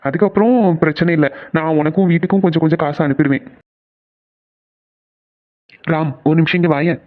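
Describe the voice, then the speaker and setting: A man voicing friendly, joking young men in a cartoon series, bantering quickly. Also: a little high, steady tone, lightly acted. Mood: casual. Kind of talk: cartoon voice acting. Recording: tinny phone-like sound.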